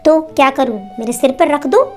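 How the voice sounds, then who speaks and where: A woman voicing a sharp-tongued mother-in-law who shouts and taunts sarcastically. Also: high voice, a little fast, soft background music, voice pushed up, natural voice. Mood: taunting.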